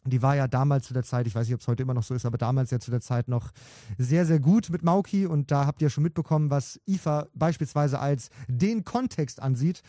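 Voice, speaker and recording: A man's voice: mid-range voice, fairly quick, warm tone, no echo, studio quality. A man co-hosting a commentary video, sharing insider gossip in a hesitant, casual way with many fillers. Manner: hesitant, filler-heavy, chuckling. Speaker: co-host sharing insider info.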